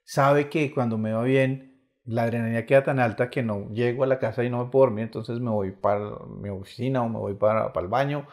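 Man, middle-aged, Colombian Spanish accent, casual podcast chat, restarts often, mid pitch. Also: fairly even intonation, brisk, a little mellow. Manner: chatty, stammering restarts, laughs often. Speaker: comedian guest.

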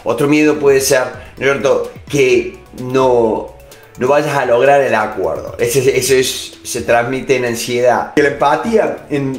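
This is a motivational negotiation lecture from a middle-aged male instructor whose accent is Rioplatense Spanish. His medium-pitched voice echoes in a reverberant space, and he talks straight to the listener, filling gaps with frequent "este."

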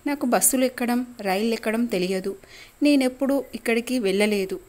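A woman's voice: a little high, fairly quick, a little mellow, natural voice. A woman voicing a frightened young bride who pleads to be sent home. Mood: pleading.

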